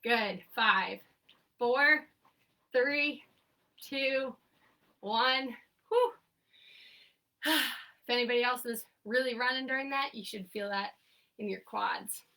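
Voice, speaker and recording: This young woman teaches a seated exercise class remotely from her home, counting reps aloud and tossing in short, cheerful coaching cues. Her fairly high voice is pushed and bright, slow, with frequent pauses, and recorded far from the mic.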